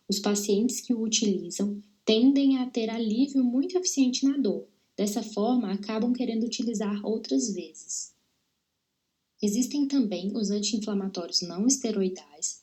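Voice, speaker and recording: A young Brazilian woman, a dental student, reading a seminar presentation aloud at a steady, careful pace. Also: mid-range voice. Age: young adult.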